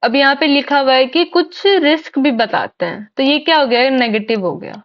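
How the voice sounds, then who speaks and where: A woman's voice: high-pitched, normal speed, dull audio. A woman teaching an exam-prep lesson, explaining step by step and asking and answering her own questions. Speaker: English teacher.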